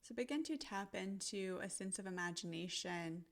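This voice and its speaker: A woman narrates a guided visualization in an expressive, mid-range voice, keeping her manner soft and calming and pausing carefully between short phrases.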